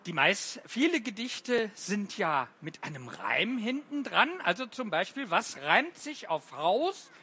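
A teacher reading playful poems aloud to children and quizzing them with questions along the way, in an animated sing-song manner. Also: mid-range voice, breathy edge. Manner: slow, sing-song, asks the listeners questions.

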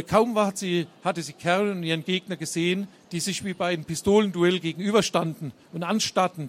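A man reading and retelling a thriller, halting with many fillers and self-corrections. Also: high-pitched. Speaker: storyteller.

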